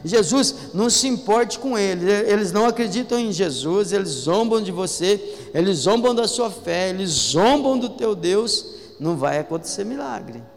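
A man's voice: sits high, expressive, normal speed, vocal fry. A man with a Brazilian Portuguese accent preaching a sermon as pastor, emphatic and calling out to the congregation. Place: church hall. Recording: echoey hall with faint music.

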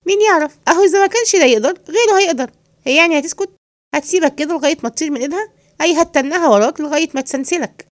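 A woman with an Egyptian accent voicing a jittery young male servant who pleads in a high, quick voice. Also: lively intonation, no echo, clean studio sound. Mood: excited. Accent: Egyptian Arabic.

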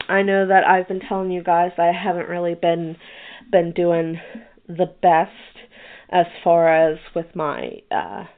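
A woman hosting a podcast, chatting casually and rambling with many restarts. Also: fairly low pitch. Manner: rambling, with frequent restarts and fillers. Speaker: podcast host. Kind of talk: casual chat. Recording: tinny phone-like sound.

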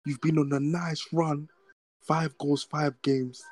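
A young man with a London accent co-hosts a podcast, bantering and telling stories in animated urban street slang. His voice is a little high and he takes it slowly, with no echo.

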